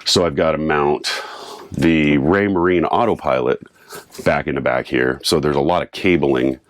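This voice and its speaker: A boat owner, an American man in his fifties with a rumbling low voice, explains a DIY installation vlog-style, casually thinking aloud. He wears a clip-on lavalier mic on his chest in a small boat cabin, and the recording is dry.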